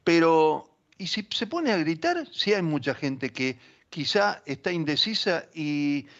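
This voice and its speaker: A man's voice: a little high, a bit bright, lo-fi sound. A man with an Argentine accent hosting a radio interview in a conversational, agreeable way. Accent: Argentine Spanish. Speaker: radio host.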